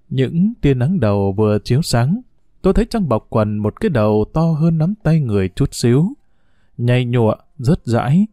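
Male narrator for a storybook reading; calm and measured, warm low tone, dry booth. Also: no room sound. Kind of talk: audiobook storytelling.

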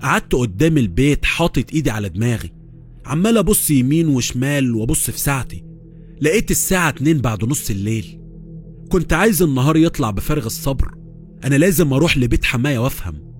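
A man with an Egyptian accent narrating a first-person horror story, brisk and tense. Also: medium pitch, expressive. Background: faint music.

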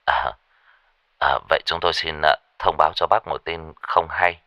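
A man voicing a calm, deep-voiced official delivering bad news by phone in a ghost story. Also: no room sound, studio quality, heavily acted. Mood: solemn. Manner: deep, warm, measured, trying to stay calm.

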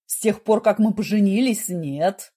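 A woman voicing a passionate, devoted adult man who speaks insistently and tenderly in a husky low murmur, for an audiobook romance. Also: unhurried, dark tone, natural voice. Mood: calm.

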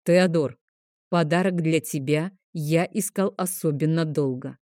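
A woman voicing a calm, condescending male dragon in human form, soothing but dismissive, in an audiobook. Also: measured pace, no room sound, studio quality. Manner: soothing yet dismissive, slightly lowered voice. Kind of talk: audiobook character reading.

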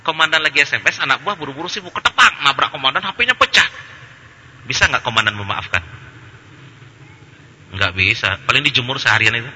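Male preacher, lively religious lecture, humorous and colloquial, very bright, husky edge, long hall reverb. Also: mid-range voice, fairly quick, pauses often. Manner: humorous and colloquial, acts out anecdotes. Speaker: Islamic preacher answering questions.

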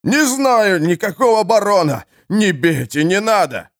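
A man's voice: mid-range voice, expressive, measured pace, natural voice. A man putting on a whining, begging jailer. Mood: pleading. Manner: pleading, whining. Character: cowardly beaten male jailer, sly then begging.

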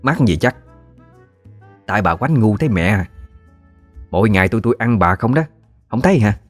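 A man's voice: lowish voice, animated, normal speed, soft background music. A man voicing an irritable middle-aged woman, snapping back and scolding.

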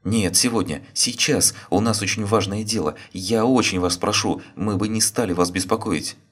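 A man's voice: fairly low pitch, normal speed, breathy edge, voice pushed up. A man voicing an anxious young wife and mother who pleads urgently on the phone. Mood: pleading.

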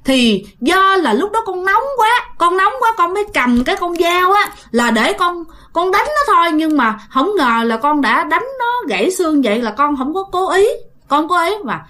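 A woman voicing a poor old woman who pleads her case in a flustered, high voice. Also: lively intonation, normal speed, fairly bright tone. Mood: pleading.

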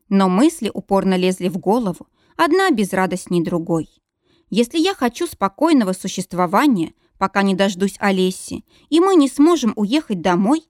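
A woman narrating an audiobook in the first person, with an expressive, tense and dramatic delivery. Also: mid-range voice, dry recording, clean studio sound.

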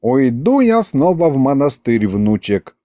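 A man's voice: medium pitch, sing-song, measured pace, mellow, dry recording, clean studio sound. A man reading an audiobook, voicing a weary old grandfather who grumbles and sighs in a folksy way. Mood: gloomy.

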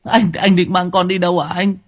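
A man's voice: sits high, little pitch movement, fairly quick, pitched above the performer's own voice. A man voicing a sobbing, frantic young wife. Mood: pleading sobs. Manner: sobbing, pleading, stammering. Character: frantic young wife begging for her baby.

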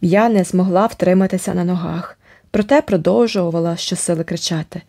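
A woman narrating an adventure audiobook in the first person, with expressive, dramatic storytelling. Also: on the low side, moderate pace.

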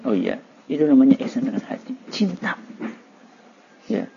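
Male religious teacher, animated pitch, husky warm tone, lo-fi classroom recording. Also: normal speed. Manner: lively, quizzing students, laughing. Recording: dull lo-fi recording.

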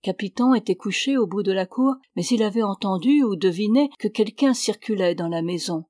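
With a mid-range voice and an even, measured storytelling style, an audiobook reader narrates a novel. The sound is clean studio audio without any echo.

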